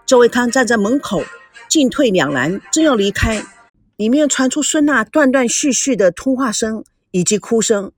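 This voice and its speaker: A woman narrating an audiobook in an expressive storytelling manner. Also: a little high, moderate pace, soft background music.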